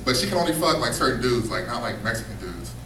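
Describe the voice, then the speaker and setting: A man performs stand-up in a comedy club, spinning stories in a relaxed, conversational style full of slangy asides. His medium-pitched voice is fast and very animated, and the distant, echoey recording picks up a noisy room and audience laughter.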